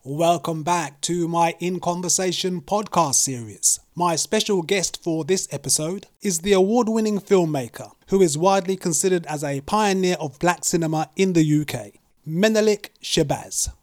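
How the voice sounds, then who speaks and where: A man's voice: high voice, normal speed, few pauses. A man hosting an interview podcast, asking questions in a friendly, straightforward way. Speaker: podcast host.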